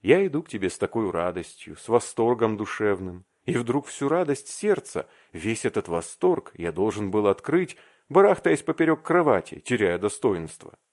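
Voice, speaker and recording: Brief: a soft-hearted, faltering young man in love, as a male reader puts him on, confiding earnestly. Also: fairly low pitch, very animated, moderate pace, few pauses. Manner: earnest, faltering, warm confessional. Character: young man, timid, tender-hearted, lovestruck. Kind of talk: audiobook reading.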